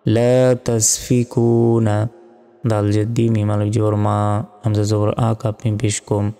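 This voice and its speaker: A man with a Bangladeshi accent works through a spelling-out recitation lesson, one letter and vowel at a time. His voice is smooth, mellow and dark, and it stays flat and slow. A long reverb trails behind him over faint background music. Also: lowish voice. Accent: Bangladeshi Bengali. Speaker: Quran reading teacher.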